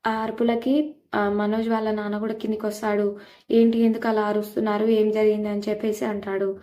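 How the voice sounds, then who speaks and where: A woman's voice: mid-range voice, completely flat delivery, fast talker, warm tone. A woman retelling a TV serial episode in a plain storytelling way, with many filler phrases. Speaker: serial recap narrator.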